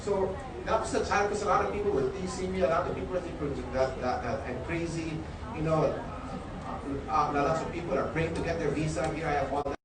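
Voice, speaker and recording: A man's voice: a little high, brisk, crowd noise. Stammering Filipino man in an echoey hall. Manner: stammering, many repeated words. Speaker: speaker at a company event. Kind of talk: personal success story. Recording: echoey hall from far off, noisy.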